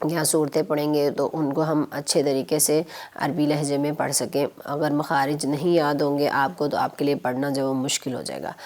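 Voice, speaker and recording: Woman teacher on a kids tv lesson, slightly low voice, patient, says everything twice. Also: a little mellow. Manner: patient, repetitive instructing, addresses viewers as children. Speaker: children's Quran teacher and host. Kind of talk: teaching children on a TV show.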